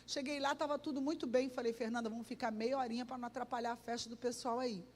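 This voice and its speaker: High-voiced woman pastor preaching in a hall. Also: fast talker. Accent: Rio de Janeiro Portuguese. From Brazil. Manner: animated storytelling, acts out dialogue, sings bits. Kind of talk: sermon with personal anecdotes. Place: church hall. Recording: church hall reverb.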